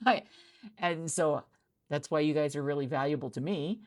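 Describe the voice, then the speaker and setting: A woman doing a soft-spoken ASMR roleplay as a hiring manager, chatty and rambling with many restarts, recorded in a friend's office. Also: low voice, animated, measured pace.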